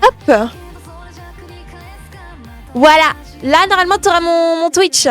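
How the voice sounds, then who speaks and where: A woman with a very high, light voice hosts a live stream from her bedroom. She chats with her viewers, greets them by name and talks in quick, self-correcting bursts. Soft music plays faintly behind her. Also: lively intonation. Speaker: gaming streamer.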